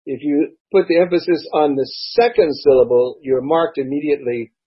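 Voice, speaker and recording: Measured older man, husky lo-fi clip. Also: fairly high pitch. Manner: measured, explanatory. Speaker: former ambassador, guest. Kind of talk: recorded interview clip. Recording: slightly dull, lo-fi sound.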